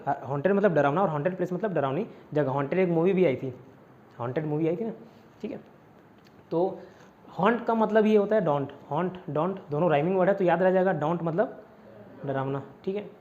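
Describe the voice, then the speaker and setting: A man from India with a fairly high voice teaches vocabulary in an online exam-prep lesson. He repeats each word and its meaning again and again, mixing Hindi and English. The recording sounds slightly dull and lo-fi. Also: a little mellow.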